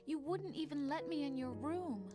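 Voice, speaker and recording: A woman's voice: high-pitched, normal speed, mellow, lightly acted. An actress playing a lonely, wounded young woman pleading plaintively with her boyfriend in a dramatic video game. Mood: sad, reproachful. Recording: music playing behind the voice.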